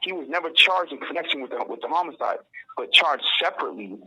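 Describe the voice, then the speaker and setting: A man's voice: fairly high pitch, animated, fast, bright, forceful tone, breathy edge, low-quality recording. A young man from Barbados, a guest talking casually in an interview, earnest and often restarting his sentences. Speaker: guest calling in from prison.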